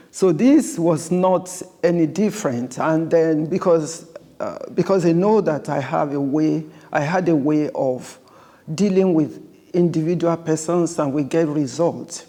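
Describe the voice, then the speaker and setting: Measured former-nurse man, slow and mellow; reverberant hall recording. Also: on the high side. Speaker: former nurse and midwife, church outreach founder. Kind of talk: interview storytelling.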